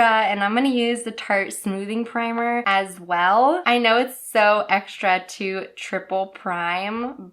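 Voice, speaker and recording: A woman's voice: on the high side, fairly bright tone. A woman chatting casually and upbeat while she applies makeup in a beauty vlog. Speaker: beauty vlogger. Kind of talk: casual makeup tutorial chat.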